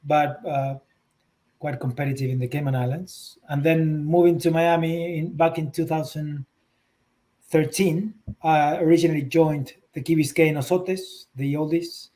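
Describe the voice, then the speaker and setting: A man from Argentina, a guest in a casual interview on a video call, speaking in a measured way with frequent pauses. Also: fairly high pitch, steady tone, dark tone, poor audio. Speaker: guest, rugby club executive.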